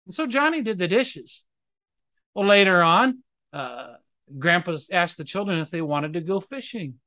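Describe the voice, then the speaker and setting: A man preaching a sermon as pastor, with emphatic rises and slowed, drawn-out phrases, mixing storytelling with teaching. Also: high voice, expressive, pushed and bright, dry recording.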